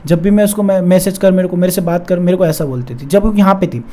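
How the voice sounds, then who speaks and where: A man's voice: high-pitched, quick pace, dark tone. A young man telling a painful personal story to camera in an emotional, confessional way, often repeating himself. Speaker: relationship coach.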